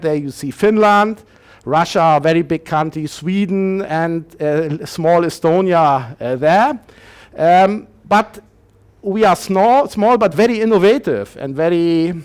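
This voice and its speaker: A man's voice: a little high, darkish tone, smooth. Man around sixty giving a lecture. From Germany. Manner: halting, many fillers and restarts. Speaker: university lecturer. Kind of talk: conference lecture.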